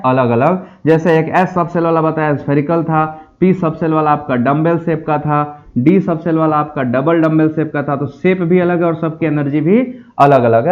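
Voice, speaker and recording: A man teaching a chemistry lecture, explaining slowly and asking the students questions again and again. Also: fairly high pitch, darkish tone, muffled recording. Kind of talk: classroom lecture.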